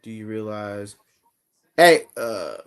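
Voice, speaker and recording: A man's voice: on the low side, lively intonation, slow pace, smooth. A man hosting a live fan show in a casual, laid-back way, using slang and reading chat comments aloud. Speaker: show host.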